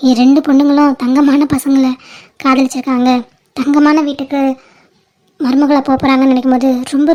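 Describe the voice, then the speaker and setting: High-pitched woman voicing a cartoon family. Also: a little mellow. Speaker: cartoon creator voicing all female roles. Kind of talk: family drama voice acting.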